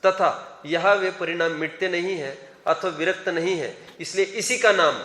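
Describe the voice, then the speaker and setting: A man's voice: high-pitched, moderate pace, bright, forceful tone. A man teaching a scripture class, questioning students by name and urging them to raise their hands. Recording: echoey hall reverb.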